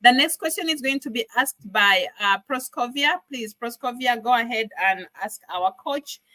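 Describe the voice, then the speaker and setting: A woman's voice: a little high, lively intonation, normal speed, bright, forceful tone, no echo, low-quality recording. A woman, hosting an online business livestream in an upbeat, welcoming way. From Uganda. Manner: upbeat, welcoming, lots of thank-yous. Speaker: host.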